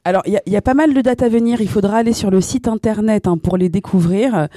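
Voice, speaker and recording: A woman from France talks through her answers in a mellow, dark-toned voice, stopping often on fillers and restarting her sentences. Her voice is recorded dry and close, with no room sound. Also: medium pitch, quick pace, no room sound. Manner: hesitant, many fillers and restarts. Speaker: singer guest. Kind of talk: radio interview answers.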